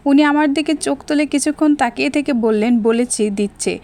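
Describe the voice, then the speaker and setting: High-voiced, lively woman storyteller. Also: a little fast. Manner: lively, dramatic, comic storytelling. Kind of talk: first-person audio story narration.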